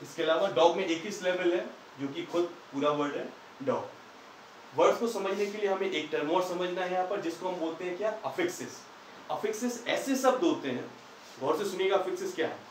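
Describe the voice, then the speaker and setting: A man's voice: sits high, fairly quick, a little hiss or hum. A man teaching English grammar in Hindi, patiently asking questions and answering them himself. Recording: echoey room, far from the mic.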